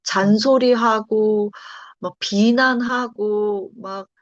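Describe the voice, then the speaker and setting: A woman's voice: mid-range voice, fairly even intonation, very slow, dry recording. A pastor's wife telling her personal faith testimony in conversation, telling the story expressively and acting out the lines of the people in it. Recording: dull dry lo-fi sound.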